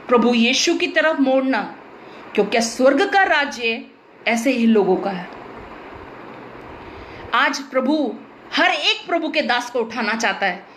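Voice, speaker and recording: A woman's voice: high-pitched, a bit bright, slight background noise. An Indian woman pastor preaching a sermon in an emphatic, blunt way with teasing humor.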